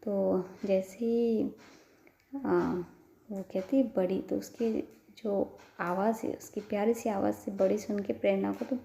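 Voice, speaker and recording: A woman's voice: medium pitch, steady tone, unhurried, creaky, pauses often, warm tone. A woman telling a love story in a casual, chatty way, linking her sentences with many "so"s. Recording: echoey room.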